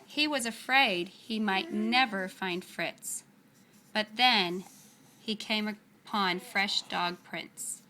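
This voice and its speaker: Reading a picture book aloud, a woman with a medium-pitched voice narrates a children's story in a bright, clear-cut style. She phrases things deliberately and dramatically, with pauses, while some faint noise sits behind her.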